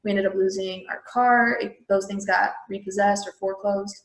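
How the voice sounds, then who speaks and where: Young adult woman from Peru, interview guest, chatty with a lot of fillers, gravelly edge, mid-range pitch. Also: fairly even intonation, normal speed, echoey room, low-quality recording. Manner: chatty, frequent fillers like "like" and "you know". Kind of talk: casual interview talk.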